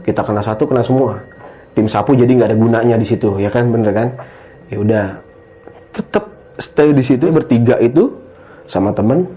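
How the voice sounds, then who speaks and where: A man's voice: mid-range voice, dark tone. A man, telling a story as a guest in casual talk, rambling and tagging his sentences with "gitu ya kan" and "Bang". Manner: rambling, keeps adding "gitu ya kan" and calling the listener "Bang". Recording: dull lo-fi sound.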